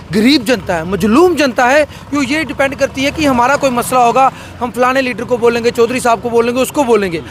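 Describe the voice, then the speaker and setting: A man, a social activist, speaking with fiery, rhetorical passion in a political interview, repeating phrases for emphasis. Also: very high voice. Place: outdoors by a road.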